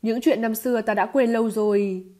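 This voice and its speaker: A woman reading the part of a young cursed poison maiden in a storybook novel, cold and sharp in a loud voice. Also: a little high, fairly even intonation, a little fast, lightly acted.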